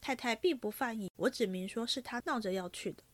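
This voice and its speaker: A woman reading aloud and voicing a moody, indulgent young nobleman in her own fast, fretful voice. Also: on the high side, no echo, natural voice.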